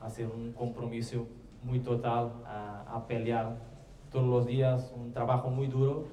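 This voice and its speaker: A man with a Portuguese accent mixes Spanish and Portuguese as he gives halting answers as a new player at a press conference. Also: mid-range voice, flat delivery, warm tone. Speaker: newly signed athlete. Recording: roomy, distant mic, faint noise.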